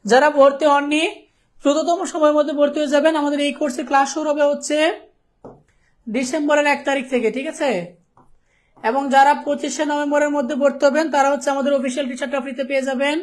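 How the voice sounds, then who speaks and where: A man's voice: very high-pitched, little pitch movement, fast talker. A young man from Bangladesh teaching a live online class, chatty and teasing his students, often checking "okay?". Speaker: ICT teacher.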